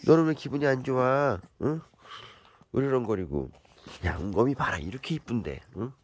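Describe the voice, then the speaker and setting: A man talking to his pets at home in a casual, coaxing way, chatting and scolding them gently. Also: medium pitch, expressive, normal speed, breathy edge. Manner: coaxing, talks to his pets in a sing-song voice. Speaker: pet vlogger.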